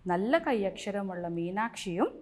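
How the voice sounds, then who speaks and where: A woman's voice: mid-range voice, big pitch swings, a little slow, a little mellow. A woman teacher voicing a tearful little schoolgirl in a read-aloud story, asking pleading questions.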